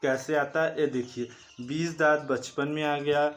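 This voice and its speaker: A man teaching a lesson from slides, speaking slowly and repeating terms as he corrects himself. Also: a little high, fairly even intonation. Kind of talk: slide-based online lesson.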